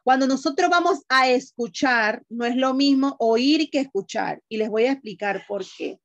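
A woman's voice: sits high, moderate pace, no room sound, lo-fi sound. A woman teacher giving an online class, explaining patiently and asking the class questions.

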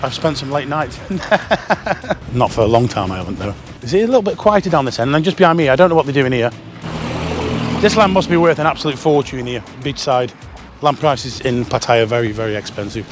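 Vlogging outdoors on a busy city street, a medium-pitched man in his fifties chats as he walks, pointing out the shops and bars he passes. The audio comes from an action camera, worn or handheld, with background noise and music running beneath the street sounds.

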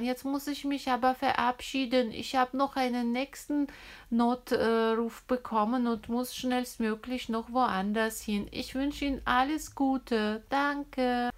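A woman voicing a calm, brisk female emergency doctor in a children's toy-figure story, soothing and reassuring. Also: on the high side, lightly acted.

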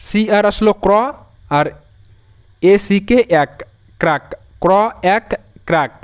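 A male teacher gives a patient spelling lesson, spelling words out letter by letter and saying each one several times over. His voice sits high and sounds smooth and resonant. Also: normal speed. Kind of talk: Bengali-language spelling lesson.

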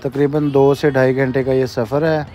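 A man from Pakistan, casually narrating a road trip from inside a car in a relaxed, polite way. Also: mid-range voice, moderate pace, soft background music. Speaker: travel vlogger. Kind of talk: casual travel vlog narration. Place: in a car on a highway.

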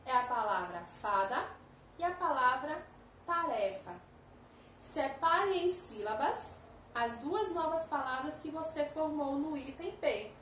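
High-voiced Brazilian teacher, slow and patient. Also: female voice, a bit bright. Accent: Brazilian Portuguese. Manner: slow, patient, sounds out syllables for children. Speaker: first-grade teacher. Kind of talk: recorded remote lesson for young children. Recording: echoey room with faint ambient noise.

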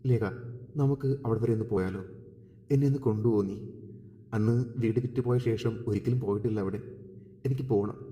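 Man reading a heartbroken woman friend, hushed and wistful, low warm voice, reverberant story audio. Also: fairly quick, pauses often, close to an everyday voice. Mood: wistful, tearful. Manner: soft, hushed and tearful-sounding. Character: grieving woman, the narrator's old school friend. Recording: reverberant room.

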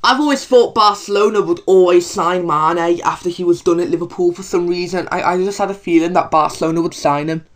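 A man's voice: sits high, fairly quick, few pauses, fairly bright tone. A man co-hosting a casual football podcast. He rambles, with many fillers and restarts. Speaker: podcast co-host.

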